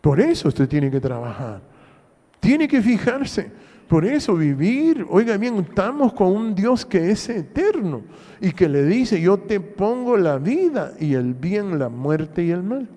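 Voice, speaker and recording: A man's voice: sits high, very animated, unhurried, mellow. A man with a Honduran accent, preaching a sermon as pastor and putting rhetorical questions to the congregation in a long church reverb. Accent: Honduran Spanish. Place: church hall.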